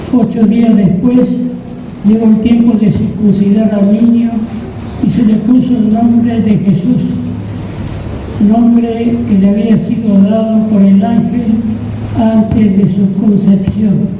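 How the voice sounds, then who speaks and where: A woman reading the Gospel at Mass in a slow, measured, solemn way, her voice ringing with cathedral echo in a large church. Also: on the high side. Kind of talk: liturgical scripture reading. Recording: far-off, echoey, dull and hissy church recording.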